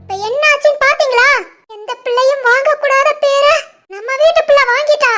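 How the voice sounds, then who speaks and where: Over soft background music, a woman voices an angry middle-aged mother-in-law from a village in an animated family drama. She speaks a little fast, scolding shrilly in a Tirunelveli Tamil accent.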